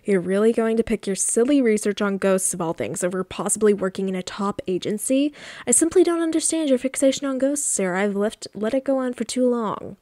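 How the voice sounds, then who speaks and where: A bossy, controlling rich mother gives curt commands in a quick, brisk voice, read out by a woman streaming a game. The pitch stays middling and the sound is dry and close. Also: warm tone, no echo, natural voice. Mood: stern.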